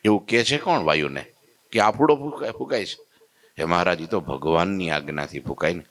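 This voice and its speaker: A man preaching a devotional sermon in a temple. He tells the story with lively rhetorical asides to his listeners. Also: deep voice, fairly quick.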